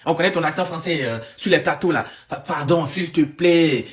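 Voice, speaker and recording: A man giving casual spoken commentary, animated and stammering, often repeating himself. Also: on the high side, normal speed. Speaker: online commentator.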